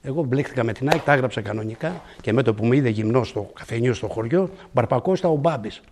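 A man's voice: mid-range voice, lively intonation, noisy background. An older man telling humorous, self-mocking stories in an interview, quoting people vividly. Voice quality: gravelly and husky. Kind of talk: anecdotal storytelling.

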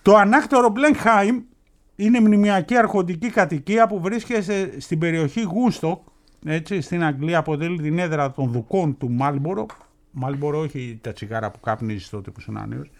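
A man co-hosting a radio show in casual banter, telling a news story slowly, with drawn-out words and dramatic pauses. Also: on the high side.

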